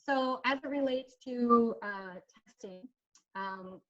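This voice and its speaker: A woman's voice: on the high side, a bit bright. Woman on a muffled video call. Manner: halting, with frequent ums and restarts. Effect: heard over a video call. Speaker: child welfare agency presenter. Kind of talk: webinar presentation.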